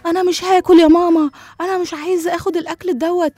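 A woman voicing an angry, whiny little boy who shouts and insists, with an Egyptian accent, in a children's story. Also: sits high, racing, no room sound, voice pushed up, close to an everyday voice. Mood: sulky. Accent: Egyptian Arabic.

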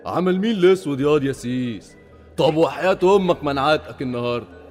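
A man putting on a swaggering thug with an Egyptian accent, gruff and threatening. The voice drops much lower than his usual one, with faint music underneath. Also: expressive, quick pace, a little mellow, lightly acted. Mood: menacing. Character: menacing male thug alter ego, boastful, tough.

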